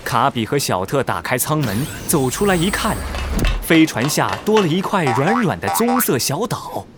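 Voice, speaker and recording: A man narrating a scripted children's story in a dramatic, expressive way. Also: a little high, normal speed, background noise. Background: prominent music.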